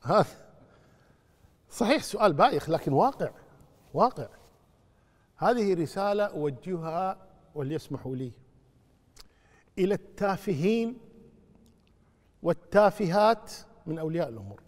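A man gives a religious question-and-answer lesson, preaching with animation and rising to loud rebukes. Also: sits high, lively intonation, moderate pace, long pauses. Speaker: Islamic scholar answering questions. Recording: long hall reverb.

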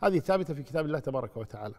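A man gives a religious question-and-answer lesson, preaching with animation and rising to loud rebukes. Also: on the high side, expressive, very fast, creaky. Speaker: Islamic scholar answering questions. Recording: long hall reverb.

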